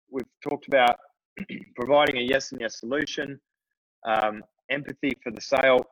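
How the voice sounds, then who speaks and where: In a low-quality recording with no room sound, a man with a mid-range, slightly bright voice coaches tradespeople on phone sales, keeping things conversational and filler-heavy, like the business coach he is.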